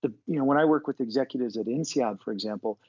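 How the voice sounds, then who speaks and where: This American man, a business school professor, works through ideas thoughtfully in a relaxed podcast interview, full of fillers and frequent restarts. He talks fast in a medium-pitched voice that is husky and a little mellow, and the dry audio sounds dull.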